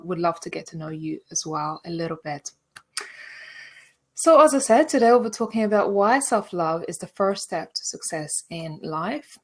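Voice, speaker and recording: A woman hosting an online business workshop, reading out a guest's introduction in an upbeat, friendly way. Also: lowish voice. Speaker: workshop host.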